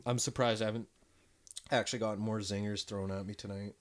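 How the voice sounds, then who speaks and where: Rambling low-voiced man chatting casually. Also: fairly even intonation, normal speed. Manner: rambling, swears freely, many restarts and fillers. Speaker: podcast co-host. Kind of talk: casual chat.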